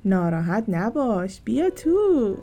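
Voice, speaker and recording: Woman doing a cheeky shopkeeper from a kids' book, lively, kinda conspiratorial. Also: medium pitch, faint music behind. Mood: friendly. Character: friendly playful shopkeeper sharing secrets.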